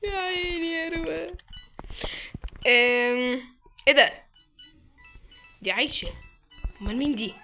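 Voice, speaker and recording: A young woman with an Egyptian Arabic accent giving casual, excitable commentary while playing a game with friends. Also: high voice. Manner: excitable, exclaiming and reacting loudly. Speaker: gaming channel host.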